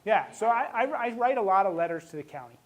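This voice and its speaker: A man's voice: sits high, animated, quick pace, dull audio. A man, a veterinarian, giving a talk to an audience, telling stories with emotion and laughing often.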